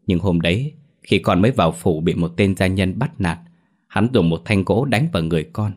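A man's voice: low-pitched, fairly quick, darkish tone. A man voicing an earnest, tearful young orphan woman in a spoken storybook.

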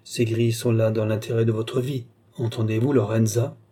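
A man reading an audiobook and voicing a calm, commanding male mystic who talks to his wife in a measured, gently menacing way. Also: lowish voice, husky.

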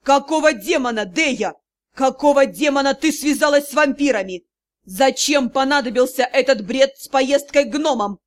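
A woman reading an audiobook, voicing a furious male dark-lord magister in a hoarse, menacing voice. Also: lowish voice, moderate pace, few pauses, no echo, voice pushed down, lightly acted. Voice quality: hoarse, growling. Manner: threatening, icy, commanding. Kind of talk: audiobook character voice.

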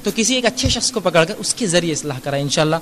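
Man, religious lecture Q&A, high voice, earnest and admonishing, long echo of a hall. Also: lively intonation, fairly bright tone, slight background noise. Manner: earnest, admonishing, explains with everyday examples. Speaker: Islamic lecturer answering audience questions.

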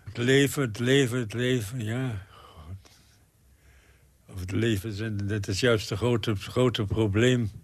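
A man in his nineties giving an interview, halting and repeating words as he searches for them. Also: lowish voice, fairly even intonation, no echo. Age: 90s.

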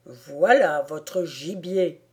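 A woman doing a slow, booming old village policeman. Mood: jovial. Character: portly aging village policeman, good-natured.

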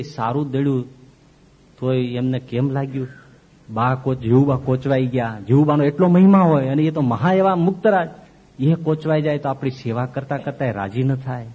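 Husky-voiced man giving an animated sermon. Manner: animated, swings between loud emphasis and soft low asides. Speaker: swami preacher. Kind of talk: devotional sermon storytelling.

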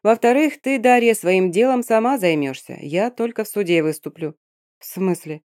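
A woman playing a sarcastic brisk lawyer friend. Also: mid-range voice, a little mellow, no room sound, clean studio sound, pitched above the performer's own voice, natural voice. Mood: businesslike.

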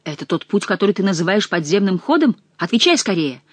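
A woman's voice: mid-range voice, big pitch swings, fast talker, slightly rough, no room sound. Woman voicing a sly, commanding jester. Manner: commanding, mocking.

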